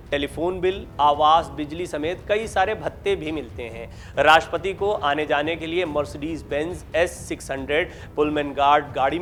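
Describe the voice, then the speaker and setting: A man delivers a news voice-over in a steady, formal manner. His voice sits a bit high for a man, and soft music plays faintly behind him. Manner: steady, formal explanatory read. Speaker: news narrator. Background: faint background music.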